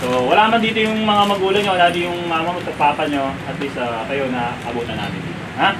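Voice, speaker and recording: A man's voice: on the high side, fast talker. A man chatting casually as he hands out food aid, coaxing and repeating little tag questions. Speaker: vlogger handing out food aid. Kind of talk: casual on-location vlog. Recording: far from the mic, loud street noise.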